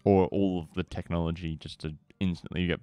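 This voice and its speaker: A man co-casting an esports match, relaxed and explaining the play. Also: low voice, brisk, clear, resonant tone, no echo. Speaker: esports co-caster. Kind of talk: live game commentary. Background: faint background music.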